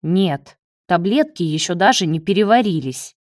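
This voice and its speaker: A woman's voice: lowish voice, expressive, normal speed, no room sound, clean studio sound, close to an everyday voice. A woman reading a terse, commanding young man. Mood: urgent. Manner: terse, urgent orders.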